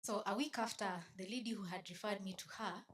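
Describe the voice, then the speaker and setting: A Kenyan woman tells a story on stage at a conference in an average voice, neither high nor low. She switches between English and Swahili and teases her listeners as she goes. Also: fast talker, noisy background. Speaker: conference speaker. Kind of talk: storytelling talk to a live audience. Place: conference venue.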